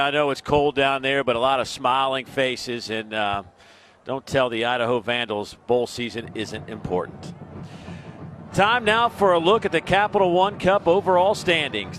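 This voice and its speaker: A man working as a television sports announcer, presenting from a stadium broadcast booth. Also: medium pitch.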